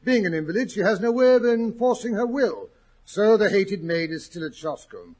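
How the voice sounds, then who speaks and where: Blustery doctor sidekick, British accent, raised pitch, husky, earnest, vintage radio drama. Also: male voice, big pitch swings, moderate pace, a little mellow, heavily acted. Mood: eager. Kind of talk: 1940s radio acting.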